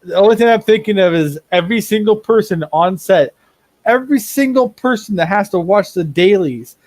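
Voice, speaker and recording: A man with a fairly high voice runs a tabletop game, rambling and circling back over his words as he rants. The recording is dry and close, with almost no room sound. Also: animated, moderate pace, a little mellow, no echo. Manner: rambling, repeats words while building a rant. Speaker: game master. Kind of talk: running a tabletop game, casual chat.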